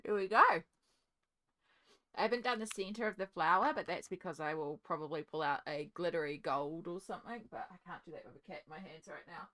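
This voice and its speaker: Chatty woman with a low, dry voice. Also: a little fast, sharp tone, dry recording. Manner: chatty, narrates each step while working; talks one-handed with a cat in her lap. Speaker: art channel host. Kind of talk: casual narration while colouring. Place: home art desk. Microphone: desk microphone.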